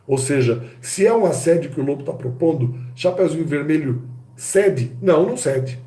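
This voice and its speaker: A man teaching a lecture with a Brazilian Portuguese accent, firing rhetorical questions at his audience in a lively, theatrical way. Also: fairly high pitch, moderate pace, echoey room. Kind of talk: classroom-style lecture.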